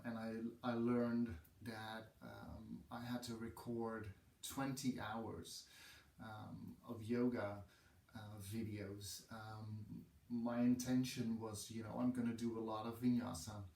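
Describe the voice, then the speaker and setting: A man's voice: lowish voice, a little mellow, reverberant, distant mic. A man with a Dutch accent, a yoga teacher, talking casually to camera with many hesitant ums. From Netherlands. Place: room with a wooden floor.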